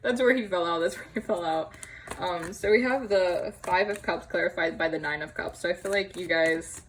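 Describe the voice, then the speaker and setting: A woman's voice: lowish voice, normal speed, a bit bright, a little hiss or hum, rough recording. A young woman giving a casual tarot reading to camera, chatty and empathetic, with many fillers and small laughs. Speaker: tarot reader. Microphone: camera on tripod.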